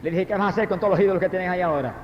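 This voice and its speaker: A man with a high voice preaches his testimony fervently, now and then bursting into loud praise. He is heard in a church hall with a long, echoing reverb. The recording sounds dull and lo-fi, with faint noise behind it. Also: very fast, a faint crowd. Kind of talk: testimony sermon.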